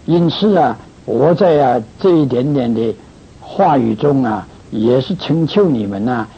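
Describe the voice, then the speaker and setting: A man delivers a pastoral message in a slow, deliberate cadence, his voice deeply husky and breathy. He pleads earnestly and stretches little particles between his phrases. The recording sounds dull and lo-fi. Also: animated. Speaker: church leader.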